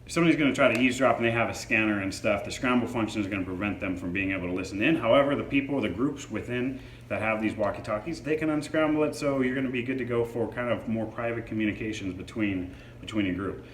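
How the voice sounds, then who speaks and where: A man with a lowish voice talks quickly, casually demonstrating a product hands-on and explaining its features informally. The room is echoey, with faint background noise.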